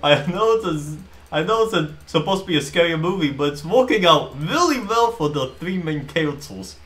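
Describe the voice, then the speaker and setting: A man casually retelling a movie plot in a rambling, animated way while streaming a game. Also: fairly high pitch, normal speed. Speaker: gaming streamer. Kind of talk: casual commentary while playing.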